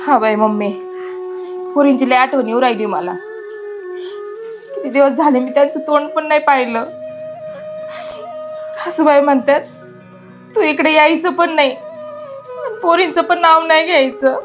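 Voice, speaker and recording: A woman playing a married daughter, speaking softly and sorrowfully. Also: high-pitched, lively intonation, a little slow, pauses often, music in the background. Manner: sorrowful, soft-spoken. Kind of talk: village comedy sketch acting.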